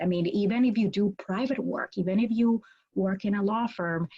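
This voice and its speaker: Her voice is husky and medium-pitched as this Spanish-speaking dean from Puerto Rico talks earnestly over a webcam, hands moving constantly. She's a guest on the call, seated indoors in a home office lined with bookshelves, and the sound comes through dull and low-quality.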